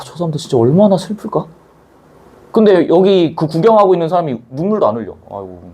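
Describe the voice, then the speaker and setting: A man teaching a Korean language class in a casual, chatty way, talking to students in the room. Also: high voice. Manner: animated, chatty, acts out scenes, blunt slang.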